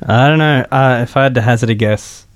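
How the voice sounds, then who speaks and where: A man's voice: mid-range voice, fairly quick, dry recording, studio quality. A man co-hosting a comedy podcast, throwing out conspiratorial jokey guesses. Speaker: podcast co-host. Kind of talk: comedic banter.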